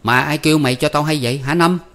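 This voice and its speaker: A man's voice: a little high, fast, fairly bright tone, pitched above the performer's own voice. A man doing a grumbling young villager. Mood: questioning. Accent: Southern Vietnamese. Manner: grumbling, blunt.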